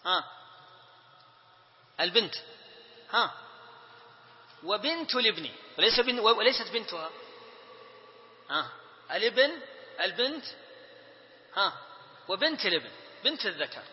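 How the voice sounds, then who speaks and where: A man leads a classroom lesson, rattling off lists and prodding students with quick questions. The sound carries a long reverb from the room. The recording is dull and lo-fi. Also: high-pitched, very animated. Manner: drills lists, prompting students with short questions. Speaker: teacher of Islamic inheritance law.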